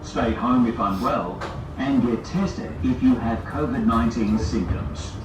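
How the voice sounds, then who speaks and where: A man giving calm, formal pre-recorded announcements, played over train loudspeakers. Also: mid-range voice, unhurried. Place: inside a moving train carriage. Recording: echoey distant loudspeaker with loud train noise.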